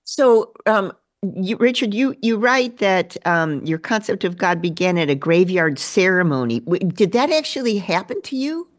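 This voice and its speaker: Halting woman asking questions. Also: medium pitch, expressive. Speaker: interviewer. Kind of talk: casual interview questions.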